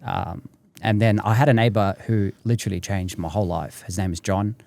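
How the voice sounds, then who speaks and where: A man from Tunisia telling his life story as a podcast guest, animated and full of "literally" and "uh". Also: lowish voice, fairly quick, gravelly, no echo. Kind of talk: storytelling in casual conversation.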